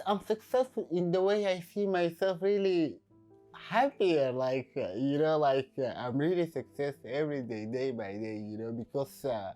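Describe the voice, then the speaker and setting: Guy, painter, doc interview, warm low-key voice, thinks out loud w lots of uh and you know. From Sudan. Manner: reflective, halting with many fillers. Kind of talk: documentary interview.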